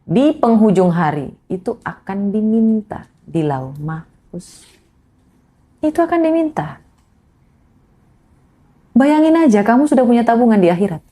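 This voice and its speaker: A woman speaking as a podcast guest in a casual religious motivational talk, animated and preachy, often addressing the host directly. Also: medium pitch, measured pace, pauses often.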